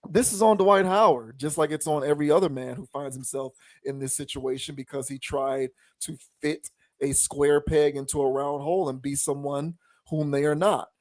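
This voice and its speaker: A man hosting a podcast, giving his opinions in a measured, deliberate, somewhat preachy way. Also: a little high, steady tone, dry recording. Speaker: podcast host. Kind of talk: opinion commentary.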